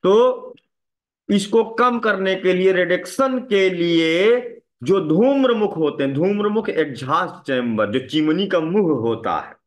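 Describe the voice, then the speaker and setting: A man's voice: high voice, lively intonation, measured pace. A man teaching a classroom lecture, often asking students questions and repeating a tag after his points. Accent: Hindi.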